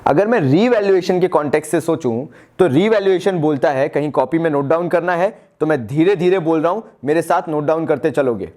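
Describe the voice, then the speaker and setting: An Indian commerce teacher gives an online accounts lesson in a high-pitched, slightly mellow voice, talking briskly with hardly any pauses. Chatty, he quizzes students and then answers himself, calls them "yaar" and "bhai," and refers to himself as "Baba ji."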